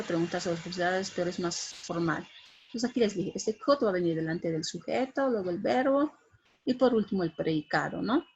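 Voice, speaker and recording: A woman's voice: mid-range voice, muffled recording, a little hiss or hum. A middle-aged woman giving an English grammar lesson, explaining patiently and checking in with frequent tag questions. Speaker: English teacher.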